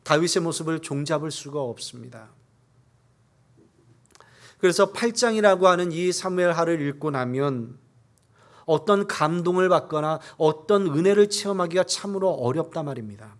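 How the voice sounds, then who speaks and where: A man preaching a Sunday sermon as a pastor, earnest, building up at key points and reading scripture aloud in a measured cadence. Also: animated. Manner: earnest preaching, rising in force at key points then dropping low.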